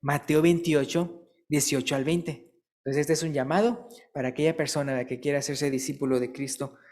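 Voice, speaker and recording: Chatty preacher man, slightly high voice. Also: fairly even intonation, normal speed, a little mellow. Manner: chatty, asks listeners questions and tells jokes. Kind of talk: conversational sermon.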